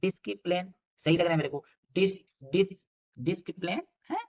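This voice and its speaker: A man's voice: high-pitched, moderate pace. A man teaching a casual spelling quiz lesson, thinking aloud, spelling letters out and repeating words as he works through each answer. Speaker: English teacher for exam prep.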